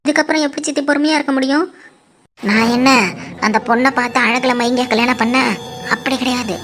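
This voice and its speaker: A woman's voice: high voice, fairly even intonation, brisk, a bit bright. A woman voicing an angry young groom in a cartoon, indignant and demanding. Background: background music.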